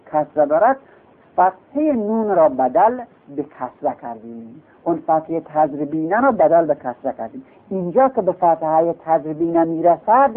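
A male teacher giving a classroom lecture, explaining step by step and asking and answering his own questions. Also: on the high side. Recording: tinny lo-fi recording.

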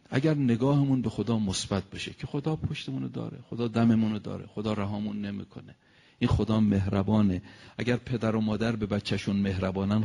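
A man delivering an animated sermon, telling a story and speaking directly to his listeners. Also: gravelly, breathy edge. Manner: animated, rises and falls in pitch and loudness. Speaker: preacher.

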